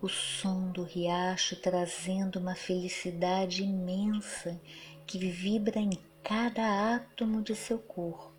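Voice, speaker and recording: Very slow, soft woman guiding a meditation. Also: fairly low pitch, flat delivery. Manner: soft, soothing, very slow with long pauses. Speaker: guided meditation narrator. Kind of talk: guided meditation, scripted narration. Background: music.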